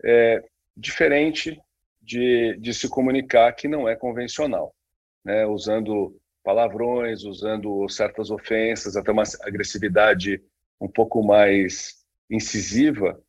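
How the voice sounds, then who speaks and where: A man's voice: lowish voice, steady tone, measured pace, muffled recording. A man co-hosting a casual talk, speaking with many fillers and restarts. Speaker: podcast co-host. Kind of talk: casual conversation on branding.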